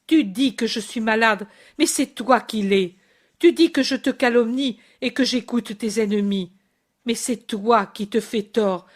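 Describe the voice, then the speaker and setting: A woman reading aloud and voicing an anguished older mother who pleads and cries out for her wayward son. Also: fairly high pitch. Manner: pleading, crying out in despair. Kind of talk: audiobook reading.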